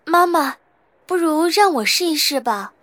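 A woman voicing a sweet, patient young girl in a children's audio story, soft-spoken and polite. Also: extremely high pitch, animated, a little slow, exaggerated voice.

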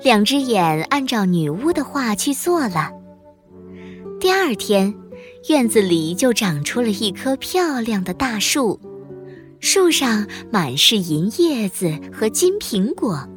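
A woman narrating a children's audio story, with slow, expressive storytelling. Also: a little high, soft background music.

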